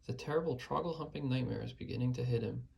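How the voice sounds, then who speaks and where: A man voicing a kindly old male giant who speaks in hushed tones with mangled grammar. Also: medium pitch, fast talker, gravelly, a little hiss or hum. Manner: hushed whisper, broken grammar.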